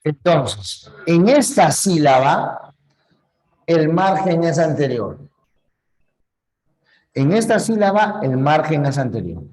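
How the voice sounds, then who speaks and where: A male teacher gives a grammar lesson at an extremely slow, deliberate pace, pausing between phrases. His voice sits a little high for a man. He repeats each key point patiently and stops to correct his own slips. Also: very animated, darkish tone, low-quality recording. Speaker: language teacher. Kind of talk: slow classroom lecture.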